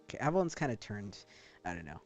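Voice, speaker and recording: A man talking casually and with some swearing as a streamer who draws live, rambling in an animated way. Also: lowish voice, quick pace, faint music behind. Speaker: streamer drawing art live. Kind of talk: casual livestream chat while drawing.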